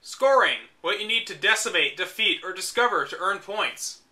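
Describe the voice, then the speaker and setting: Reading from an old video game guide, this young host mocks the text with dry commentary between passages. His high voice is animated, pushed and bright, at a normal speed.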